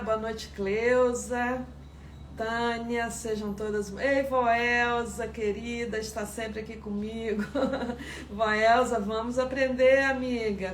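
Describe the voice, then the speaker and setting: A woman teaching sourdough on a live stream, chatty and greeting viewers by name. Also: a little high. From Espírito Santo, Brazil. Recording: echoey room with faint background noise.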